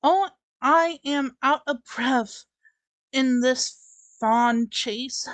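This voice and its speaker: A woman reading a high-voiced scorned young lady. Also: no room sound. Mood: pleading. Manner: halting, restarting lines. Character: lovelorn young noblewoman, scorned and pleading. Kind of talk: amateur live-stream Shakespeare reading.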